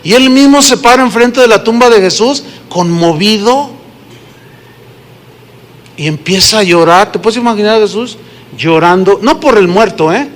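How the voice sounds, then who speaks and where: Expressive and high-pitched, this Mexican-accented pastor delivers a sermon at a moderate pace, mixing stories with questions for the congregation. The recording carries long hall reverb.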